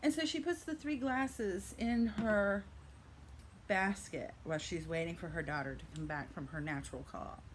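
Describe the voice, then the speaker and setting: Spinning her reselling tale like a whimsical fairy story, an older female vlogger mixes dramatic narration with conversational tangents. She speaks in a mid-range voice at a moderate pace, with slight background noise.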